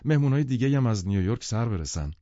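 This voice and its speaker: A man voicing an eager, anxious male host who talks in a hurried, overly hospitable way. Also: medium pitch, expressive, warm tone, no echo, close to an everyday voice. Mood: insistent. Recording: dull lo-fi audiobook recording.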